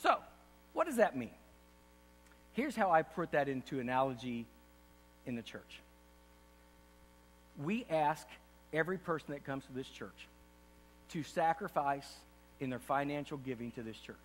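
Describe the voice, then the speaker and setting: A man's voice: mid-range voice, sing-song, unhurried, long pauses, fairly bright tone. A middle-aged man, a pastor, giving an earnest state-of-the-church address from a podium on a large auditorium stage, rising to impassioned emphasis. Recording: distant reverberant hall with faint hum.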